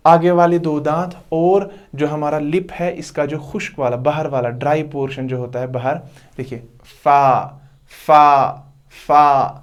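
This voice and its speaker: A man teaching pronunciation in a recorded lesson, who repeats each letter slowly and keeps checking that the listener understands. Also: on the high side. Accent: Urdu-Hindi speaker. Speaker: Quran recitation teacher.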